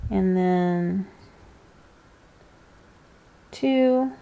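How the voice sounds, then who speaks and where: Seated at a work table indoors, a woman gives a slow, hands-on tutorial in a warm, medium-pitched voice. She's informal and unhurried, pausing between steps as she instructs. The recording sounds muffled.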